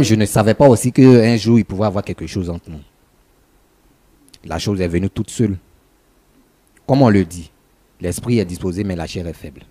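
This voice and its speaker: An actor playing a talk-show guest who calmly justifies taking his friend's wife and turns combative when challenged. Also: low-pitched, no room sound. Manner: calm justifying, then combative.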